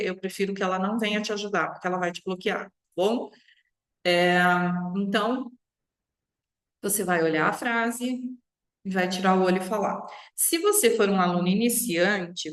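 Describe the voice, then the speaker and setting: A Brazilian woman teaching English pronunciation in an online lesson, stretching model phrases out slowly, then explaining quickly and checking in with "tá?". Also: medium pitch, fairly bright tone, reverberant. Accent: Brazilian Portuguese. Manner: slow, drawn-out model phrases followed by quick explanations, frequent "tá?".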